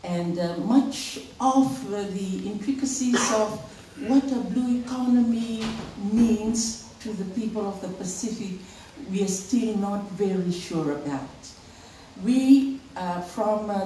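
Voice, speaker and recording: A woman giving formal panel remarks, slow and halting, with many fillers. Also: fairly low pitch, warm tone. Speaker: panel speaker for a women's NGO. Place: event hall. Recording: echoey hall, distant mic, faint noise.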